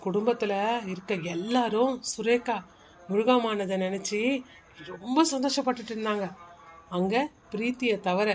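A storyteller linking cartoon scenes with plain, steady narration. The voice sits at a middling pitch. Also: moderate pace.

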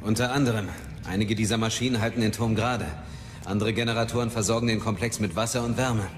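A man's voice: lowish voice, fairly even intonation, quick pace, lightly acted. A man playing a courteous, knowledgeable guide with formal, ornate phrasing in a German audio drama. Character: courteous, florid male guide, proud and knowledgeable. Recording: long cavernous reverb, faint music.

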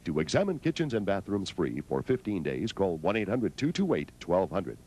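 An American man reading a scripted sales pitch as a commercial voice-over announcer. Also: big pitch swings, moderate pace, a little mellow, slightly rough.

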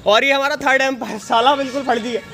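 Excitable young man calling cricket. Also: extremely high pitch, fast, slight background noise. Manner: loud, excitable, shouting calls. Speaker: vlogger and player-commentator. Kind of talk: excited live cricket commentary. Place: outdoor turf cricket net. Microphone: handheld phone camera.

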